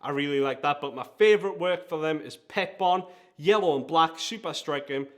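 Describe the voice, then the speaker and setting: Speaking at a normal speed in a voice on the high side, a Geordie-accented host presents a countdown-style vlog. He is a design agency founder, and he comes across as enthusiastic and emphatic.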